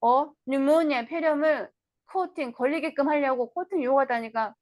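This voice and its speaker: A woman tutor giving an online lecture on an English play, reading lines slowly and explaining them in Korean, with questions to the viewers. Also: high-pitched, darkish tone, dry recording.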